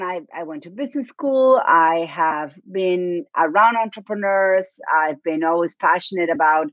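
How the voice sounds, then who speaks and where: An Argentine-accented businesswoman in her forties, a business coach, tells her story as a guest on an interview show, full of fillers and little laughs. Her medium-pitched voice comes through dry and dull, lo-fi with no echo.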